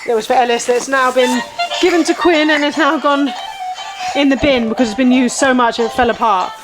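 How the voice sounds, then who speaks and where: Woman, casual vlog chat, rambling, slightly high voice. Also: brisk, over music. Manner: rambling, chatty, fillers of "like". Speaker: vlogger mum.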